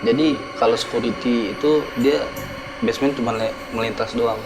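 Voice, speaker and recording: A man, a guest telling of a ghost encounter in a casual, slangy, relaxed way with short replies. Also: mid-range voice, normal speed, over music. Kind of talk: casual chat.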